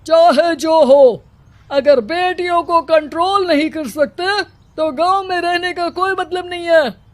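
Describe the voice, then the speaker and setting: A man's voice: very high-pitched, slow. A man playing a stern, domineering village headman in a cartoon, speaking in a pompous, commanding, mocking way. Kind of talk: Hindi cartoon character acting.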